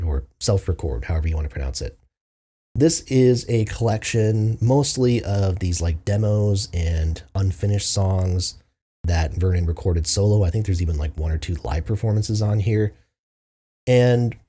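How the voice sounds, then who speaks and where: A man with a low, dark voice and a husky, slightly grainy edge. He talks through an album review in a loose, unscripted way, thinking aloud with plenty of ums and likes. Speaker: music reviewer host. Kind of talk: casual album review monologue.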